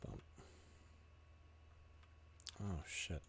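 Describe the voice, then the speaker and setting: A man's voice: drawn-out words, fairly bright tone. A man streaming a video game, chatting casually, muttering and swearing as he plays. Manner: mutters and swears while playing. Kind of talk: casual gaming livestream chat.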